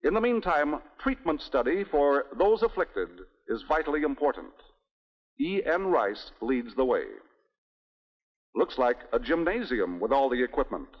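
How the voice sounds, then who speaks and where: A man's voice: medium pitch, very animated, measured pace, breathy edge. An American man narrating a scripted 1960s newsreel in the presentational manner of an old newsreel narrator, with rhetorical asides. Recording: dull 1960s newsreel soundtrack, reverberant.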